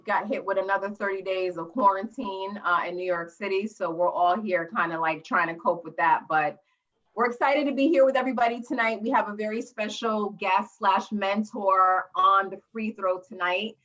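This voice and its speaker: A woman's voice: mid-range voice, steady tone, normal speed, fairly bright tone. A woman hosting a show over a video call, chatty and upbeat as she introduces her guest. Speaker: host. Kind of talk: casual interview. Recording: dull lo-fi call audio.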